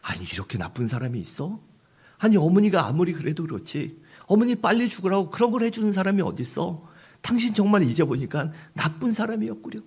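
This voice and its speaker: A man's voice: a little high, very animated, normal speed, a little mellow, slightly rough, pitched above the performer's own voice, heavily acted. A man playing a wise old-fashioned husband. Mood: scolding. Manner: old-fashioned formal speech, first scolding then reassuring. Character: wise, scheming husband, gentle but firm.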